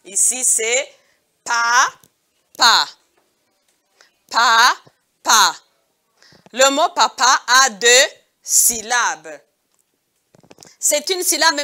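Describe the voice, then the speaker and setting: Female kindergarten teacher, very slow and patient, bright tone, repeats each word twice for small children. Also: high-pitched. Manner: addresses pupils as "mes amis". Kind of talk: recorded video lesson for young children.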